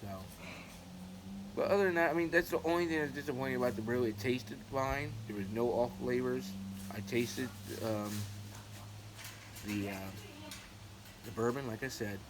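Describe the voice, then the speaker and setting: A man's voice: medium pitch, normal speed, long pauses. A man chatting casually to his viewers in a rambling, repetitive, hesitant way, like a home-brew vlogger. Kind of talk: casual rambling vlog chat. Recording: noisy recording with clicks.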